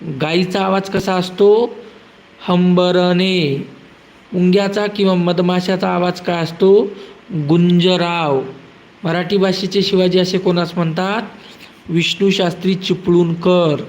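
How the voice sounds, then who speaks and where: Guy doing quiz questions for exams, high voice, slow, drags out the answers. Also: fairly even intonation, a little mellow, poor audio. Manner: asks a question, then gives the answer slowly and drawn out. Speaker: exam-prep quiz teacher.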